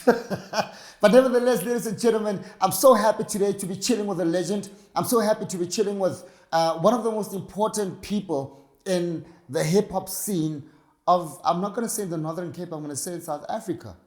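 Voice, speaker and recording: A man's voice: high voice, fairly quick, a little mellow, roomy sound. A man hosting a casual interview, upbeat and joking, teasing his guest. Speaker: host.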